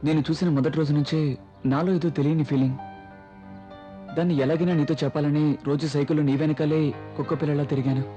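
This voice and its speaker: Guy playing a cocky lovesick young dude, kinda high voice, bossy, film music under it. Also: fairly even intonation, fast, warm tone, muffled recording, lightly acted. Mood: earnest. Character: brash lovestruck young man, bossy with friends.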